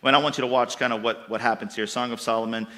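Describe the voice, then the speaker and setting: A man preaching a sermon to a congregation, folksy and emphatic, building to louder bursts. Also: mid-range voice, fairly even intonation, fast talker, big-room sound. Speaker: pastor. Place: church hall with congregation.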